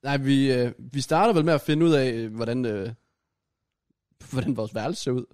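A man's voice: medium pitch, fairly even intonation, a little mellow. A man co-hosting a casual podcast, telling a shared travel story in a loose, hesitant way with fillers. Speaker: podcast co-host. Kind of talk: casual chat.

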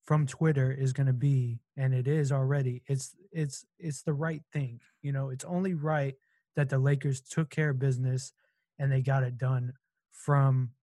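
A man's voice: mid-range voice, little pitch movement, normal speed, dark tone, dry recording. A man hosting a casual sports talk, asking long, rambling questions.

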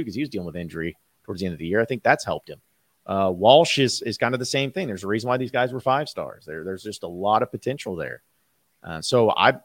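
Male sports commentator, slightly low voice, close dry sound, casual and emphatic. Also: fairly bright tone, no echo.

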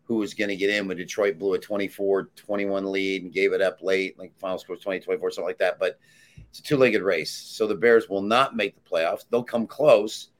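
A man's voice: deep voice, steady tone, brisk. A man working as a sports handicapper, giving betting picks with confident, emphatic calls.

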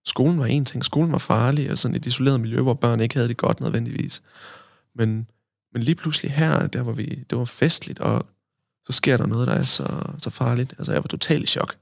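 Gravelly-voiced Danish man telling a story. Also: medium pitch, no room sound, studio quality. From Denmark. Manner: rambling, many fillers and tag questions. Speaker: podcast guest. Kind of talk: casual storytelling.

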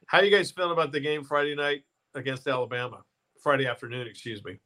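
A man's voice: mid-range voice, steady tone, fast talker, pushed and bright. Chatty male podcast host. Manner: chatty, promotes the sponsor with many fillers and self-corrections. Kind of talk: casual live-stream chat.

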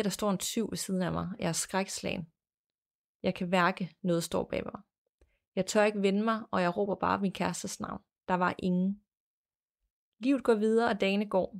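A woman hosting a podcast, reading a listener's ghost story aloud in a measured, plain storytelling manner. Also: mid-range voice, gravelly. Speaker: podcast host.

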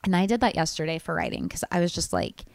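Gravelly low-voiced woman chatting. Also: big pitch swings, quick pace, no room sound, studio quality. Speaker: screenwriter and podcast co-host. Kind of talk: casual chat.

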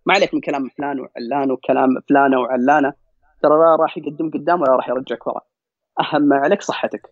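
A man with a Saudi accent telling a personal story and giving advice as a podcast guest, talking fast and repeating words for emphasis. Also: mid-range voice, fairly even intonation, dry recording. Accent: Saudi Gulf Arabic. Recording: dry, dull lo-fi sound.

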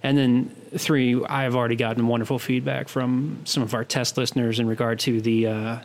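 A man's voice: medium pitch, little pitch movement, moderate pace. A young man co-hosting a podcast, talking in a rambling way with many fillers and restarts. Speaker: podcast co-host. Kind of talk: casual podcast chat.

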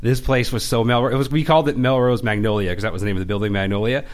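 A young man with a Boston accent who talks very fast in a mid-range voice. He chats informally and tells stories on himself in a self-deprecating way, like a guest at ease in an interview. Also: medium pitch, steady tone. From Boston, USA. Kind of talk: casual chat, storytelling.

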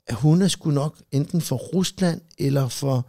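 A man with a gravelly, dark voice spins a rambling story in casual podcast chat. He swears freely and fills every gap with hesitations, and his voice sounds dry and close to the mic. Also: a little high, dry recording. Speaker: podcast co-host.

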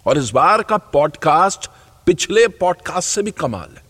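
A man's voice: fairly high pitch, big pitch swings, a little slow, fairly bright tone, breathy edge, big-room sound. A man hosting a podcast, giving an enthusiastic scripted introduction in an announcer-like way. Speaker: podcast host.

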